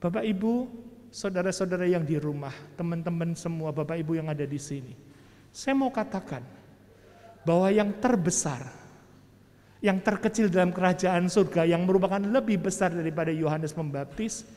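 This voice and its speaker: A man delivers a sermon in a high voice, telling stories with imitated beeps and dropping to hushed tones for serious points. His voice rings with long reverb in a church hall. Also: normal speed. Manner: animated storytelling preaching, imitating beeps, swinging from loud to hushed. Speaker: preacher.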